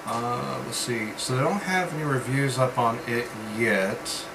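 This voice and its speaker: Halting man reviewing products over background hum. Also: mid-range voice, gravelly. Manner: rambling, halting delivery with pauses as he tastes. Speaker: vape reviewer. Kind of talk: casual product review vlog. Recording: steady background hum, like air conditioning.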